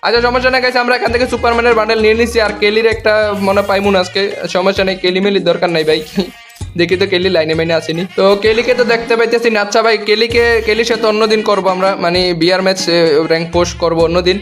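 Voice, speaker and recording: Barely stopping to breathe, a young Comilla Bengali-accented gaming YouTuber speeds through his commentary in a bright, high voice. He's excitable and playful, mocking opponents, with game music blaring in the background.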